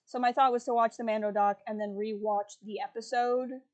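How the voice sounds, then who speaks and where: A woman's voice: a little high, steady tone, a little fast. Chatty woman hosting a livestream. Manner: chatty, filler-heavy, laughs easily. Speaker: livestream host. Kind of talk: casual chat.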